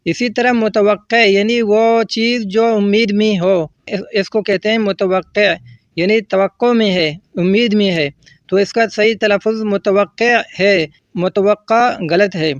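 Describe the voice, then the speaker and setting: High-voiced man explaining correct pronunciation. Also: fairly even intonation, no echo. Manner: patient, methodical, repeats each word with a gloss. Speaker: Urdu language teacher. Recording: dull, slightly lo-fi dry recording.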